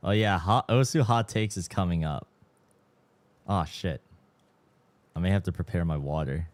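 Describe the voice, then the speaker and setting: A man's voice: deep voice, a little slow, pauses often. A man in his mid twenties, chatting casually as a livestream host, slangy and swearing freely, sounding tired. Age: 20s. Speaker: streamer.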